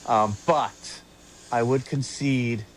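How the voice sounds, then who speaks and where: A man co-hosting a casual sports fan podcast, speaking haltingly with many fillers and repeated words. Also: medium pitch, fairly even intonation, a little hiss or hum. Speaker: podcast co-host.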